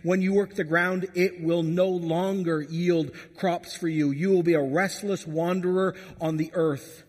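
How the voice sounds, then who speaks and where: A man voicing God as a stern, accusing judge, declaiming his verdict. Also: sits high. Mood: condemning. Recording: long hall reverb.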